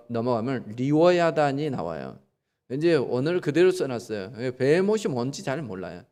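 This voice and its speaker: A man's voice: on the high side, warm tone. A male pastor giving a conversational church sermon, asking rhetorical questions and acting out short quoted lines.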